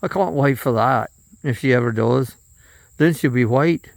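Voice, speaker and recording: A man's voice: medium pitch, measured pace, vocal fry, no room sound. A man delivering a rambling, profane political monologue, often trailing off and restarting.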